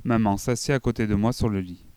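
A man reading a children's book aloud in an expressive storytelling manner. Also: on the low side, brisk, clean tone, dry recording. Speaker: audiobook reader. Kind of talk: scripted narration of a children's book.

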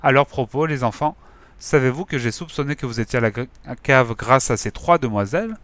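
A man's voice: mid-range voice, a little fast, fairly bright tone, dry recording, close to an everyday voice. A man voicing a firm, kindly mother.

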